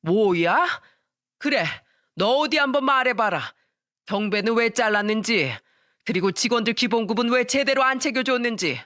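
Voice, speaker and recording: A woman's voice: on the high side, lively intonation, normal speed, a bit bright, no echo, studio quality. A woman reading the part of an angry older father-in-law who scolds his son in a raised voice, as in a story reading. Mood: demanding.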